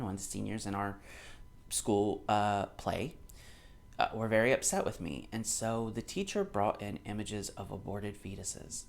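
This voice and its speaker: A man in his thirties with a lowish, gravelly voice reads a book aloud and reacts to it in casual commentary. He switches between reading passages and off-the-cuff responses, arguing emphatically and repeating himself to drive his points home.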